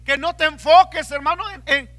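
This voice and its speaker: A male pastor delivers a Pentecostal sermon in a very high, bright voice. He speaks in plain, conversational phrases, often restarting and calling his listeners brothers. The sound is dry and close. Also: fairly even intonation, normal speed, no room sound. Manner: addresses the congregation as brothers and asks rhetorical questions.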